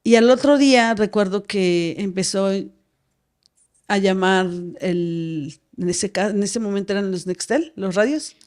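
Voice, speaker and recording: A woman's voice: medium pitch, a little mellow. Woman telling a hard story. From Veracruz, Mexico. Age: 40s. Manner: measured, recounts with many restarts and reported speech. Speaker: guest, nurse. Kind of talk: personal storytelling in an interview.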